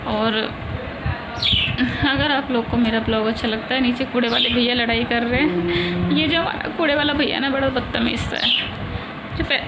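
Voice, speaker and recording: This thirties-aged vlogger, originally from a village in rural India, rambles casually at her home in the city, her somewhat high voice moving at a moderate pace with frequent pauses. Loud background noise from traffic runs throughout.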